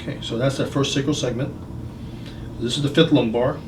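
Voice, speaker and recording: His mid-range voice moves fairly quickly with mostly even intonation. As a chiropractor in an indoor clinic, he conducts a consultation and hands-on exam, asking short questions and explaining as he goes. The recording is noisy and reverberant, taken from afar.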